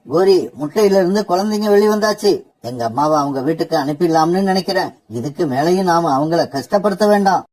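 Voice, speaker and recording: A voice actor playing a gentle, worried father bird in a cartoon, speaking softly to his wife and children. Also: medium pitch, fairly quick, natural voice.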